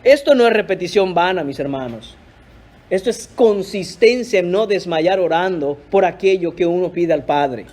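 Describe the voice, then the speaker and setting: High-voiced man preaching earnestly. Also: normal speed, a little mellow. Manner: earnest, emphatic preaching, addresses listeners as brothers. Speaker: pastor. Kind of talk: sermon. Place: church.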